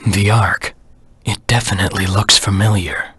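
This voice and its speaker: A dark, vengeful hedgehog anti-hero from a video game. His voice is low and very husky, with a gritty rasp and a dry, close sound. He speaks in grim, terse, dramatic phrases, brooding throughout. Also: steady tone, normal speed, no room sound, exaggerated voice. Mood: brooding, questioning.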